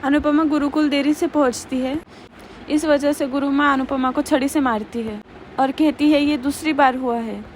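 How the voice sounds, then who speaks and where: A woman with a high voice retells a serial episode scene by scene, brisk and expressive. She moves quickly through each "she says" and what follows. A faint hiss sits under her voice. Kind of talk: spoken episode recap.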